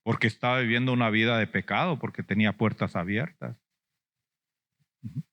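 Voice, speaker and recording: A man's voice: on the low side, fairly even intonation, fairly quick, a bit bright. A man preaching a sermon as an apostle, questioning the congregation, prompting them with "mm?" and "ujú", and acting out lamenting believers in a whiny voice.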